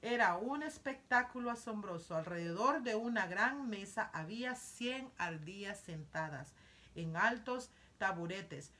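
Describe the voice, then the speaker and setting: A woman's voice: medium pitch, bright, forceful tone. A woman reading a children's novel aloud as storytime reader, with a storytelling manner and asides to young listeners.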